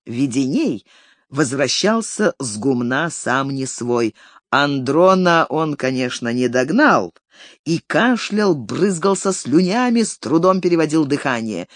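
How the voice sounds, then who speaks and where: A narrator reading a classic literary story aloud in an expressive audiobook style. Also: mid-range voice, measured pace, no echo, clean studio sound. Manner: expressive, varied intonation.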